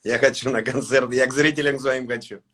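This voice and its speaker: A singer, a man whose first language is Tatar, gives a relaxed, casual interview in a mid-range voice, neither high nor low. Soft-spoken and halting, he often pauses to search for the right Russian word.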